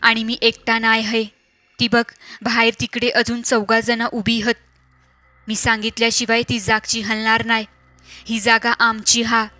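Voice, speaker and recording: A woman's voice: on the high side, completely flat delivery, unhurried, pushed and bright, dry recording. A woman voicing a greedy menacing spirit. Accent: Malvani. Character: spirit possessing a young wife, greedy and menacing.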